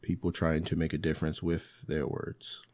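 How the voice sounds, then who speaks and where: A man's voice: extremely low pitch, monotone, normal speed, a little mellow, no echo, clean studio sound. A man cohosting a podcast in casual chat, swearing often with exasperated asides. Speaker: podcast co-host.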